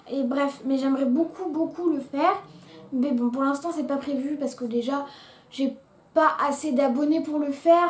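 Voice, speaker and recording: A teenage girl with a high voice, chatting to her viewers in a relaxed vlog and hesitating often with fillers. She talks in an echoey room. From France. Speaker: YouTuber. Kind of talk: casual vlog chat.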